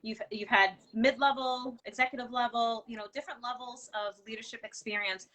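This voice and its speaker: A woman's voice: on the high side, fairly even intonation, fairly quick, sharp tone, low-quality recording. A woman hosting an interview, enthusiastic and affirming, with many fillers like um and you know. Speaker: host. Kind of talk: interview conversation.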